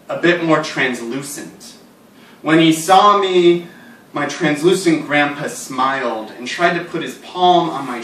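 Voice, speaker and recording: At a live literary reading, a man performs his own stories and poems in a slightly high voice, taking his time and treating absurd lines with wry, deadpan seriousness. He's captured from afar, giving the recording a roomy echo.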